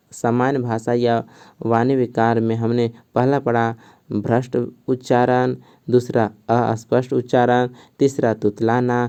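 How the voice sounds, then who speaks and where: A man's voice: mid-range voice, warm tone, clean tone. A man giving an exam-prep lesson, reading from a textbook and then explaining it again in simpler words, often checking with "theek hai". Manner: mixes English terms into Hindi explanation. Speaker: teacher.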